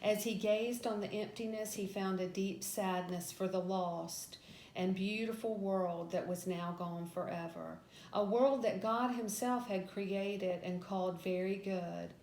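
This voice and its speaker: A woman's voice: mid-range voice, steady tone, measured pace, a little mellow. A woman Sunday school teacher reads a scripted Bible story lesson aloud in a storytelling delivery. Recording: echoey room with background noise.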